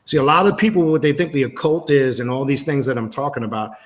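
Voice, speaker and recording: A man as a guest on a casual livestream interview, explaining at length in a measured way with frequent "uh" and "um". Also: medium pitch.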